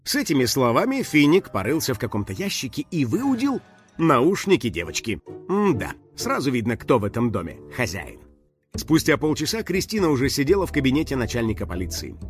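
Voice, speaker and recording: A man narrating a children's story in a lively, expressive way. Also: medium pitch, fairly quick, soft background music.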